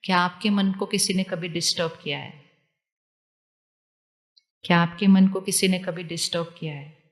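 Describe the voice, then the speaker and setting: A woman giving a spiritual talk to a live audience, calmly repeating questions to her listeners. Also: fairly low pitch, moderate pace, in a large hall. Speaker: spiritual teacher.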